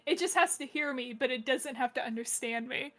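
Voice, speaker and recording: A woman's voice: high voice, brisk, sharp tone. A woman chatting and laughing about a tabletop game, teasing her friends. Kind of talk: casual chat.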